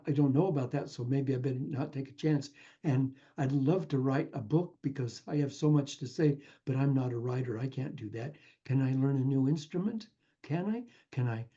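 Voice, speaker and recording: An earnest man giving an uplifting talk and weaving in a parable. His voice sits a bit high, yet sounds very dark and mellow with a husky grain. The recording is dull and lo-fi. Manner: earnest, storytelling, addresses listener as friend. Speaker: spiritual speaker.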